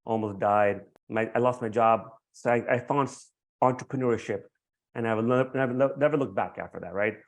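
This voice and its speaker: Halting, friendly male podcast host. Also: medium pitch. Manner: halting, repeats words, friendly. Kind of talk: casual interview hosting.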